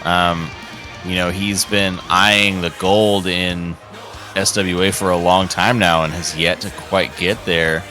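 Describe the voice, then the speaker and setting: A man's voice: low voice, little pitch movement, takes it slowly, pushed and bright, faint music behind. A man giving wrestling commentary as the color analyst, in a conversational, analytical way.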